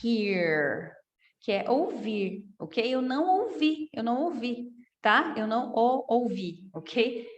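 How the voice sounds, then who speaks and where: A woman's voice: a little high, big pitch swings, muffled recording. Brazilian woman teaching, echoey room. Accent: Brazilian Portuguese. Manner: checks in constantly with "tá?" and "né?", repeats examples slowly. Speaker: English teacher. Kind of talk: casual online lesson. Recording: echoey room with long reverb.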